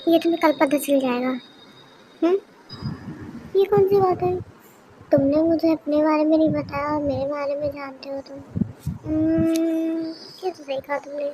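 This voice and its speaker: High-voiced woman reading a fan story. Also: a little mellow, slight background noise. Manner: switches quickly between character voices, lots of hums. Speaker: fan story narrator voicing all characters. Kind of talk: amateur audio drama reading.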